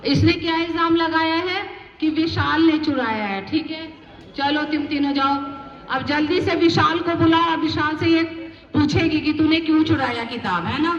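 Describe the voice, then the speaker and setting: A woman teacher with a high voice leads children through a role-play workshop in an indoor school hall, coaxing, encouraging, and often repeating herself at a moderate pace. She's recorded from far off in the roomy hall, and the sound is dull.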